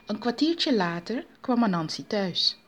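A woman's voice: mid-range voice, big pitch swings, unhurried, a little hiss or hum. Woman storyteller telling a folk tale. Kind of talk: storytelling narration.

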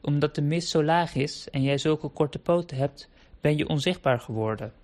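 A man voicing a curious, excited little puppy boy in a storybook. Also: a little high, normal speed, close to an everyday voice. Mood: eager.

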